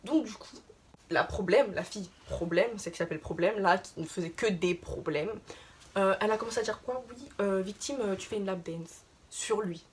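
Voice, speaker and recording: A young adult woman casually telling a story to her viewers, chatty and animated, piling on filler tags as she retells what happened. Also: medium pitch, normal speed. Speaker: vlogger.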